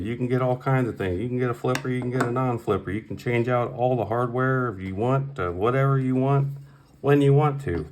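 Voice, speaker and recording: A man's voice: fairly low pitch, slight background noise. A man ranting casually on his vlog, blunt and profane, heated and repeating points for emphasis. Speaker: knife collector vlogger. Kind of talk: casual opinionated rant.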